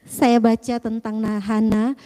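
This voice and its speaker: A woman giving a halting, earnest faith testimony, often quoting her own prayers. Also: fairly high pitch, flat delivery, warm tone, smooth, big-room sound.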